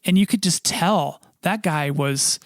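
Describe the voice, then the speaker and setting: A man's voice: fairly high pitch, no room sound, studio quality. A man co-hosting a podcast, explaining things in casual conversation. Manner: explanatory, measured. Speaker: podcast co-host.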